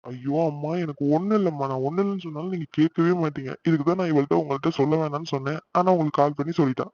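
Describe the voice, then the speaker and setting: Guy doing a young cartoon husband, talks real fast, slightly high, dull lo-fi sound. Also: a little mellow, close to an everyday voice. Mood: reassuring. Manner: reassuring but quickly exasperated. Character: young husband home from hospital, easily fussed. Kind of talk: cartoon voice acting. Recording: dull lo-fi recording.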